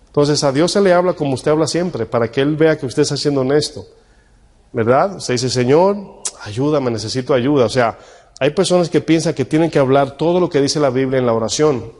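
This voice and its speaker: A male pastor preaching a sermon in a conversational tone, asking the congregation questions and slowing down to read scripture. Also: mid-range voice, darkish tone. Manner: slows right down when reading scripture. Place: church hall. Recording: long church-hall reverb.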